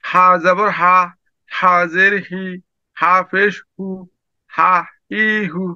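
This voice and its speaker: A man recites syllables in a slow, flat sing-song, one letter at a time. His high voice is bright and a little gravelly. It comes through a dry, muffled online call. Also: dry recording. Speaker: student. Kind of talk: reciting Arabic letter drills.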